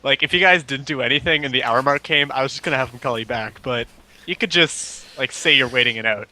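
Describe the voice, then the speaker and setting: Bright-voiced male game master. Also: medium pitch, fast talker, poor audio. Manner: laughing, stammering on restarts. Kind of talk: narrating a tabletop game.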